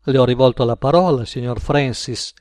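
A man voicing a gentle, overly polite camp cook who speaks softly and courteously, in a storybook reading. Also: medium pitch, normal speed, no room sound, studio quality, natural voice.

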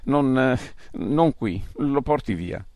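A man reading the part of a frightened old man in a wheelchair, halting and hesitant, in an audiobook. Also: medium pitch, expressive, darkish tone, no echo, studio quality, pitched above the performer's own voice. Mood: fearful.

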